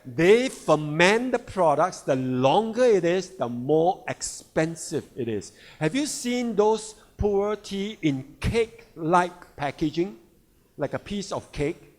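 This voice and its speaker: Slow, emphatic man in a reverberant hall. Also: high voice, animated. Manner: emphatic, with frequent checking "all right?" and "right?" asides; repeats and rephrases key words. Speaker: sales leader presenting products. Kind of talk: product seminar talk to a live audience.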